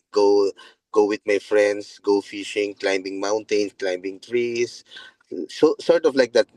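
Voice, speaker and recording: Man, Filipino accent, middle-aged, halting casual talk, low pitch, dry close sound. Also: darkish tone, no room sound, low-quality recording. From Philippines. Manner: loose, halting speech with many restarts. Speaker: guest. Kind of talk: casual interview.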